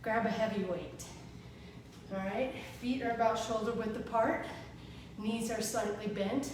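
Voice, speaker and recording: A woman's voice: fairly high pitch, a little slow. Female aerobics instructor, clipped encouraging commands with space between them; very reverberant, noisy room recording. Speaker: aerobics instructor leading a live workout. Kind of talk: aerobics instructor cueing, short counted exercise commands. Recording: echoey room, distant mic, background noise.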